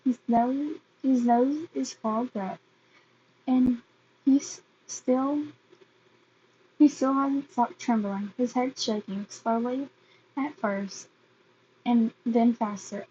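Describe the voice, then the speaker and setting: A woman's voice: a little high, fairly even intonation, slow, pauses often, warm tone, lo-fi sound, slight background noise. A woman reading fan fiction aloud, hesitant and often restarting her phrases.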